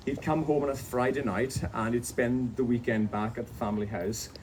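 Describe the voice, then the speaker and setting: A man's voice: mid-range voice, fairly even intonation, normal speed, a little mellow, slight background noise. A Scottish man from the Outer Hebrides with a Hebridean accent, telling a family story on stage with chuckles and self-mockery. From Outer Hebrides, Scotland. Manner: anecdotal, chuckling, self-mocking. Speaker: author guest at a book event. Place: bookshop event with audience. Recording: distant mic, live audience.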